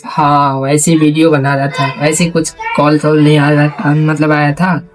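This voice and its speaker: A man's voice: fairly high pitch, completely flat delivery, measured pace, soft background music. A man making a prank call video, chatting casually in a hesitant, repetitive, rambling way. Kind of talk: casual phone chat and vlog talk.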